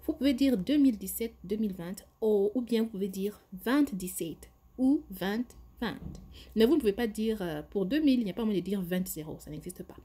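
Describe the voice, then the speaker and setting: A woman giving an English lesson, modelling phrases slowly and carefully. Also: medium pitch, expressive, warm tone, slightly rough. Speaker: English teacher. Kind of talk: language lesson.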